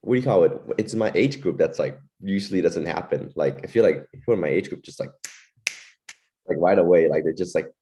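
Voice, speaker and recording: Speaking a little fast in a deep, dark-toned voice, a young man from Thailand who works as a wedding photographer joins a casual interview as a guest. His talk is relaxed and loose, peppered with fillers.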